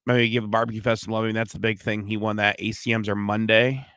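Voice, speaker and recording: A man's voice: fairly low pitch, flat delivery, fast talker, fairly bright tone, clear, resonant tone, no echo, clean studio sound. A man co-hosting a radio show, chatting casually. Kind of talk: casual chat.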